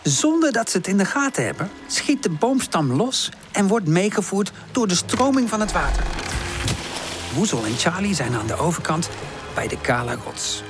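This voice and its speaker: A woman reads a children's storybook aloud, her pitch rising and falling with lively expression. Soft music plays underneath the narration. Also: moderate pace. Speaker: audiobook narrator.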